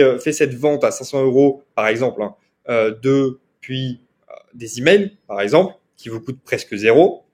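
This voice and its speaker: A man giving an online marketing course lecture in French. He explains step by step, often stops to check with "ok?", and corrects himself as he goes. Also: medium pitch. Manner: explanatory, repeats key terms, frequent "ok?" checks; fillers and self-corrections. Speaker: marketing trainer.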